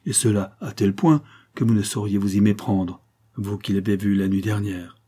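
A man reading a novel aloud, voicing a proud and commanding noblewoman with a forceful, insistent delivery. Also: on the low side, fairly even intonation, moderate pace, breathy edge.

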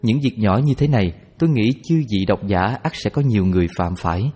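Mellow-voiced man narrating a story. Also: lowish voice, breathy edge. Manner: calm, measured storytelling. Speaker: father telling a personal Buddhist story. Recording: reverberant with background music.

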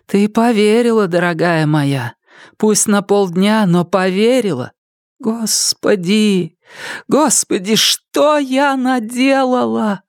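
A man reading an audiobook, voicing a distraught, shame-stricken woman in high, strained cries. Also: slow, a little mellow, slightly rough, no echo, clean studio sound, heavily acted. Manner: anguished, crying out, with high strained pitch. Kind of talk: audiobook character voice.

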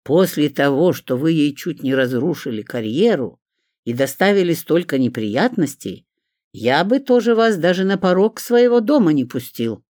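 A reader voicing Ivan Timofeevich, a stately older man and editor who speaks in a measured, sedate, lecturing way. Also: mid-range voice, sing-song, darkish tone, no room sound, studio quality, natural voice.

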